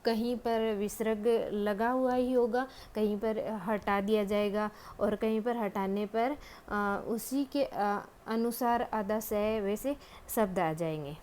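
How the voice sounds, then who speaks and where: Slow, deliberate woman teaching Hindi spelling. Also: mid-range voice, darkish tone, slight background noise. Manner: patient, deliberate, many drawn-out hesitations.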